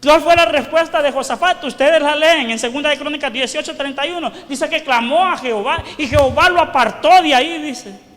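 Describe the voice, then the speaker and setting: A man's voice: very high voice, fairly quick, a bit bright, long reverb tail. A man preaching a fervent sermon as pastor, questioning his congregation and crying out the words of those he quotes. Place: church.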